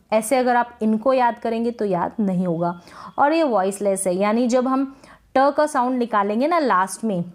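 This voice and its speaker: A woman teaching English pronunciation in a Hindi-language lesson, patiently repeating words and asking her viewers questions to check they follow. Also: on the high side.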